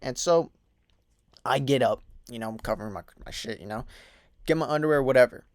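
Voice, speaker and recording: A man's voice: medium pitch, a little fast, dry recording, studio quality. A young man casually telling a storytime tale on his own channel, swearing freely and leaning on "you know" and "whatever" as fillers. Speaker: storytime vlogger.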